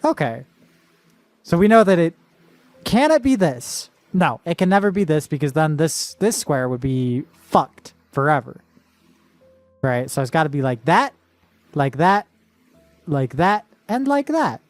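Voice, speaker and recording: Lively playful woman streamer. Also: deep voice, measured pace, pauses often, dry recording. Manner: playful, swearing, talking through puzzle logic aloud. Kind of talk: casual live gameplay commentary.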